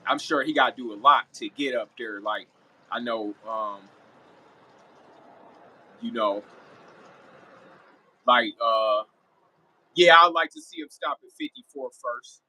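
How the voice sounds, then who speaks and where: A man's voice: medium pitch, slow, long pauses, bright, forceful tone, husky, poor audio. A man giving his opinions in a casual sports reaction video, repeating phrases for emphasis as a guest commentator.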